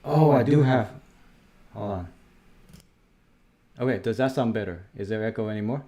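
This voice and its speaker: A man's voice: fairly low pitch, normal speed, mellow. Man with a heavy echoey mic. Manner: chatty, troubleshooting his mic aloud. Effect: heavy doubled room echo on the mic. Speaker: livestream host. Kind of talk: casual live chat with viewers.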